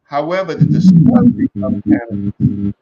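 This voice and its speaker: A man's voice: fairly high pitch, big pitch swings, normal speed, muffled recording. Man on a call, audio breaking up. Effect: internet audio breaking up, voice cutting in and out. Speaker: co-host presenting research. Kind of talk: online stream talk, reading research aloud. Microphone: computer mic on an online call.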